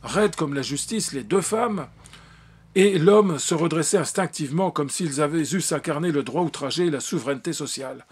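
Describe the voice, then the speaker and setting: A man reading a novel aloud as an audiobook, with expressive narration and occasional slips. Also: on the high side, slightly rough. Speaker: audiobook reader.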